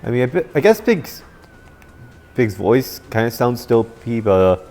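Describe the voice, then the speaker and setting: A man with a somewhat dopey-sounding voice gives casual, halting playthrough commentary, rambling and repeating himself. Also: medium pitch, sing-song, mellow. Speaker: gameplay commentator. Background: video game music.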